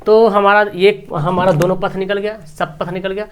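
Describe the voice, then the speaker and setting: A man with a somewhat high voice walks through a maths problem step by step as he writes. He speaks in plain teaching tones and keeps checking in with short tag questions, pausing and restarting between steps. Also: flat delivery, a little hiss or hum. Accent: Hindi regional, Bihar. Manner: talking while writing, frequent tag questions. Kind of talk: explaining maths at a board.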